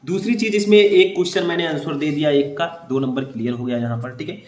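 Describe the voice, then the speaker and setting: A young male teacher walks students through writing exam answers, reading textbook passages aloud and stopping often to check that they follow. His voice sits a little high for a man. The sound is roomy and echoey. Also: fast talker, darkish tone. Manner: repeats "ठीक है" and "देखिए" often, reads passages aloud.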